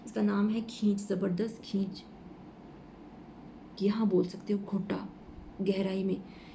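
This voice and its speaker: A woman giving an informal Quran lesson, walking slowly through the letters of each verse. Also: medium pitch, little pitch movement, warm tone, a little hiss or hum. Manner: slow, explaining letter by letter. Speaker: Quran teacher.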